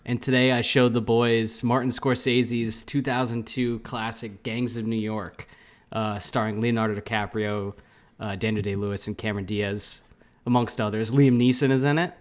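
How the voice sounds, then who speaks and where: A young man hosting a casual podcast with friends, relaxed and quick to joke and laugh. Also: fairly low pitch. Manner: relaxed, laughs often, joking. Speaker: podcast host.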